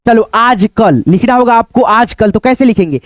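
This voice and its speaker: A man with a fairly high voice teaches Hindi writing in an online lesson. He dictates words slowly and patiently, spelling them out syllable by syllable and checking in with his students again and again. The sound is dry and close, with no room echo. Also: animated. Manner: keeps checking in with "ठीक है" and "दोस्तों".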